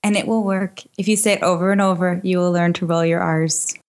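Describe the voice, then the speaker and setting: A woman physician answering interview questions in a relaxed way, slowly spelling out phrases and laughing often. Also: on the low side. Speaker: physician guest.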